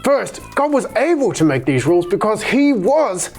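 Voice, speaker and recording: A woman's voice: mid-range voice, sing-song, moderate pace, a little mellow, soft background music, close to an everyday voice. A woman playing Moses, patient and earnest. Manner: earnest, patient explaining with hesitant restarts. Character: Moses, patient biblical leader teaching rules. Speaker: actor in a children's Bible skit. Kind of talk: children's show skit acting.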